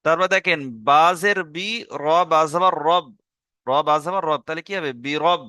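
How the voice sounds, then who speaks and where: A man teaching Quran reading with a Bengali accent, spelling out letters and vowel marks, then chanting each verse slowly and asking learners to repeat after him. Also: a little high, steady tone, bright, forceful tone, clear, resonant tone, no echo, clean studio sound. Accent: Bengali, from eastern India. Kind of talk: online Quran reading lesson.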